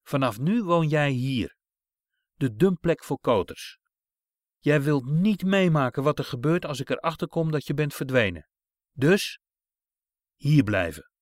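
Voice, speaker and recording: A man's voice: medium pitch, big pitch swings, a little fast, no room sound, clean studio sound, lightly acted. A man reading a story aloud and voicing a cruel, mocking woman who abandons a small child. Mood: menacing. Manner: mocking, menacing, raised.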